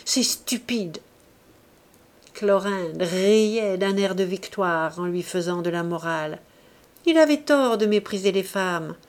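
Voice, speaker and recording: Woman narrating a classic novel. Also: fairly low pitch. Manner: measured, expressive reading. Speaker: audiobook narrator. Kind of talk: literary audiobook narration.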